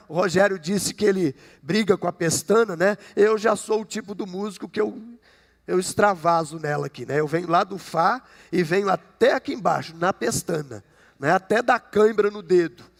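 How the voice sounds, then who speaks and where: A pastor from Brazil, in his fifties, speaks to his congregation in a high, gravelly voice, mixing in jokes and repeated "né?" check-ins. The church sanctuary gives the recording a long hall reverb.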